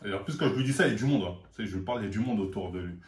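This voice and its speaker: A young man spins a story in casual slang, acting out every line. His delivery is quick and his pitch swings widely. The room around him is roomy and echoey. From France, Paris suburbs. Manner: animated, slangy, acts out quoted lines. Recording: roomy echo.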